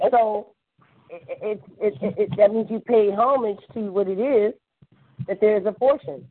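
A woman's voice: mid-range voice, normal speed. Emphatic woman on a tinny phone line. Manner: emphatic, repetitive, blunt with curse words. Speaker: podcast caller discussing history. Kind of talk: casual phone-call chat.

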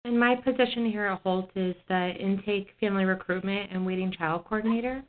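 A woman's voice: mid-range voice, fairly even intonation, a little fast. A woman, an adoption agency coordinator, giving short, matter-of-fact answers as she is heard over a speakerphone. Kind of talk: brief answers on a call. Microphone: speakerphone on a table. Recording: tinny speakerphone line, from across the room.

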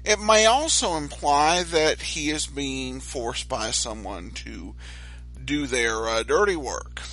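An American man hosting a podcast, giving analytical, measured commentary. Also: medium pitch, lively intonation, pushed and bright, poor audio. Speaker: podcast host.

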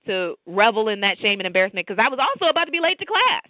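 A woman's voice: a little high, racing, no echo. Woman cohost on a faith podcast, storytelling with lots of "let me tell you", sounds like a phone line, dry. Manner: storytelling, animated, preachy asides. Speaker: podcast co-host. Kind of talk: casual faith talk.

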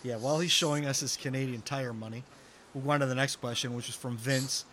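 A man with a bright, forward voice runs a loose, joking podcast chat among friends and reads out questions sent in by listeners. A faint hiss sits under his voice. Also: medium pitch, steady tone, fast. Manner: joking, stumbles over names. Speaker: podcast host.

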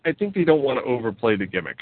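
A man hosting a casual podcast chat, wry and quick to laugh. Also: medium pitch, very animated, no room sound. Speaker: podcast host. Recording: dry, phone-like lo-fi sound.

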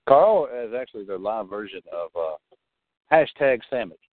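A man's voice: fairly low pitch, very animated, normal speed. A man joking and teasing others in a casual group call. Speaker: call-in show participant. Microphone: phone. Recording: phone-line audio.

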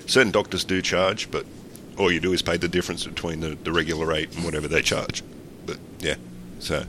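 Very low male voice, Australian accent, stuffed-up cold, bright edge, casual podcast host, faint rumble. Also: little pitch movement, brisk. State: congested with a cold and sore throat, slightly crackly.

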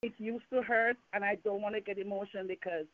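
A Jamaican-accented woman with a mid-range voice and steady tone preaches a little fast, with no room sound audible. Her evening sermon is fervent and call-and-response, packed with repetition and rhetorical questions, and the recording sounds tinny like a phone line.

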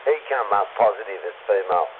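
Clear hiss and a tinny CB radio band surround a low-voiced Australian man. His casual chat is crude, foul-mouthed and taunting. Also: quick pace. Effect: CB radio transmission.

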